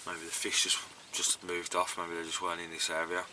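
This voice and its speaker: A fishing vlogger talks casually to camera at a lakeside in a deep voice, a little fast, against a noisy background. He's relaxed and chatty with lots of fillers, and he sounds tired and congested.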